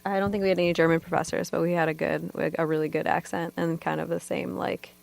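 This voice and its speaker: Gravelly woman co-host. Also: low voice, level tone, noisy background. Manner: quick reactions, laughs along. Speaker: podcast co-host. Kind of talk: casual podcast interview.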